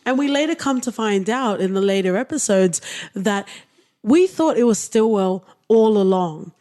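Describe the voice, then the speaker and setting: A woman hosting a relaxed podcast and talking through a TV series at length. Her voice sits at a medium pitch, and she comes across as opinionated and playfully teasing toward her co-host. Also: moderate pace. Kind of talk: casual TV review chat.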